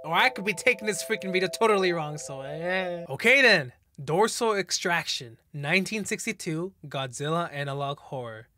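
Reading captions aloud with slangy, exclamatory asides, a twenty-something reaction host talks casually into a close desk mic from his small bedroom, headphones on. His high voice is animated, bright and forceful, at normal speed with hardly any pauses and no room sound.

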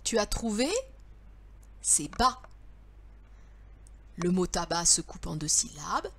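A French woman teacher talks slowly and patiently, as if to small children. Her pitch moves a lot, rising and falling in a sing-song way, and she draws out syllables with care. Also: expressive, slight background noise. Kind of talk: slow, clear lesson for young children.

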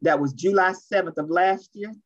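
A woman leading an online church workshop, talking fast and animated. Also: lowish voice. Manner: fast, animated, says she talks too fast. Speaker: workshop presenter. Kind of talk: online workshop, casual talk. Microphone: video call. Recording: lo-fi video call audio.

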